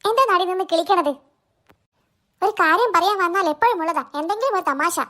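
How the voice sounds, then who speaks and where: A woman's voice: very high-pitched, a little fast, bright, forceful tone. A woman voicing a bickering, sarcastic housewife in a cartoon. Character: nagging, sharp-tongued cartoon housewife.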